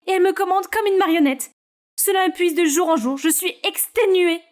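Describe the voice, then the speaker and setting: A woman's voice: very high-pitched, quick pace, voice pushed up. A woman voicing a worn-out teenage girl who complains in a whiny, exasperated way. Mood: exhausted. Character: worn-out teen girl in training.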